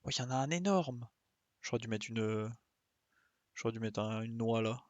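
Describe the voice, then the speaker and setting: A game streamer gives casual live gameplay commentary, thinking aloud, muttering to himself and adding small playful sound effects. His voice is mid-range at a normal speed, in a dry recording.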